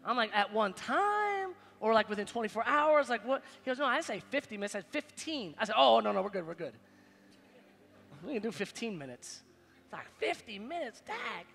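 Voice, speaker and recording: A man in his forties preaching a sermon as pastor, animated, swinging between loud high bursts and quiet low asides. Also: brisk, vocal fry. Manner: animated, preaching with big swings in loudness and pitch. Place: large stage in a church hall. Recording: long hall reverb, faint music behind.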